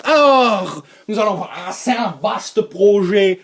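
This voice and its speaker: A man doing an absurd comic monologue as a vlogger, swinging from loud crude outbursts to low mutters, with a put-on accent he keeps losing. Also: fairly even intonation, unhurried, breathy edge. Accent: put-on regional accent he keeps dropping. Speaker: comedy vlogger.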